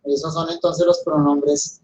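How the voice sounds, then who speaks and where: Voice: mid-range voice, flat delivery, measured pace, darkish tone, dull audio. A teacher with a Colombian accent giving a recorded grammar lesson, explaining step by step and addressing the students.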